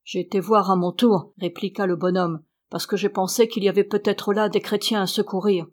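A woman's voice: mid-range voice, fairly even intonation, fairly quick. A woman narrating a classic novel as an audiobook, lifting her voice for the villagers' lines.

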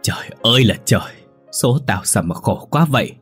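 Một người đàn ông giọng khàn, giọng miền Nam, lồng tiếng một bà mẹ già khổ cực đang giận dữ quát mắng. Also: male voice, lively intonation, normal speed, fairly bright tone, husky, faint music behind, full character voice. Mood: scolding. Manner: scolding, shrill outbursts. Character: angry worn-out old mother, shrill and wailing.

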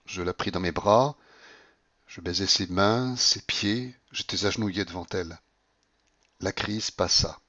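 Low-voiced man reading a novel aloud. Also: a little slow, sharp tone, dry recording, muffled recording. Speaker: audiobook reader. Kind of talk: literary audiobook narration.

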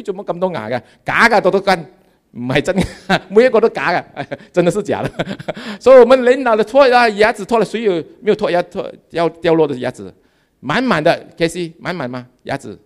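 Pastor in his 50s, sermon bits, voice jumps up and down a lot, jokey the crowd. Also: on the high side. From Malaysia.

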